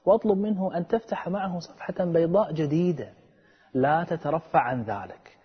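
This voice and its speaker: A man preaching a sermon with earnest, dramatic storytelling and a husky voice. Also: a little high, moderate pace. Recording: echoey and dull, long reverb.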